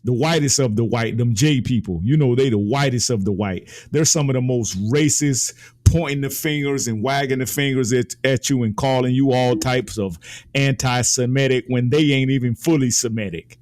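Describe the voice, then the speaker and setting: A man's voice: normal speed, darkish tone. Impassioned man ranting on politics. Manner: impassioned, emphatic, rises in pitch when ranting. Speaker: political commentator. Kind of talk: heated political talk.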